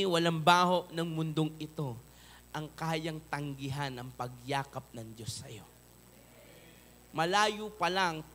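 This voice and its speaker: A male pastor with a Filipino accent preaching a sermon, moving between loud emphatic peaks and soft, low pleading. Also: a little hiss or hum.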